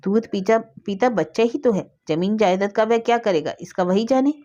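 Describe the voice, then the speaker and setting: A woman's voice: medium pitch, normal speed, highs cut off, lightly acted. Woman playing an exasperated, sarcastic husband. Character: irritated husband, sarcastic middle-aged man.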